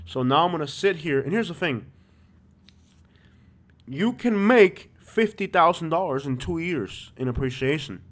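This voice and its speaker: A man with a Miami accent hosts a livestream, chatting informally and thinking aloud as he comments live on property listings. His voice is a little high and expressive, and he keeps a measured pace.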